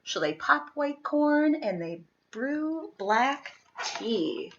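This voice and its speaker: A woman's voice: high voice, big pitch swings, extremely slow, muffled recording, noisy background. A woman reading a children's picture book aloud expressively, dropping to whispers at times. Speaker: storybook reader.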